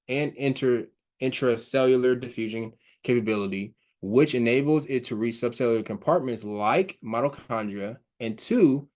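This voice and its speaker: A man giving an informal slide talk, reading research quotes aloud and explaining them haltingly, with frequent fillers, restarts and a stutter he mentions himself. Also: medium pitch, darkish tone. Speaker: presenter on hydrogen health research.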